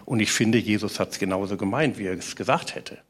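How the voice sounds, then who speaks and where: A man preaching a sermon to a congregation, animated and asking rhetorical questions. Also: fairly low pitch, brisk, breathy edge.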